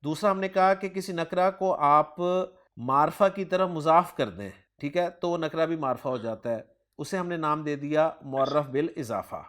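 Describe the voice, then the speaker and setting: A man's voice: a little high, a bit bright. A man with a Pakistani Urdu accent teaching Quranic grammar, quizzing his student and praising each answer. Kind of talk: question-and-answer grammar lesson.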